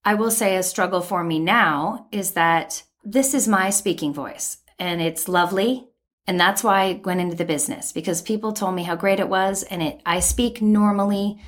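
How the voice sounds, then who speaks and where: A middle-aged woman and voice actor chatting casually, with a sweet, smooth voice and crisp enunciation. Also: mid-range voice, normal speed. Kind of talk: casual chat.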